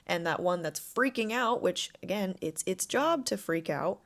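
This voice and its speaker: Relaxed woman coaching through a podcast. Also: lowish voice, normal speed. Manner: relaxed, conversational, reassuring coaching tone. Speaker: podcast host and anxiety coach. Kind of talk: self-help podcast monologue.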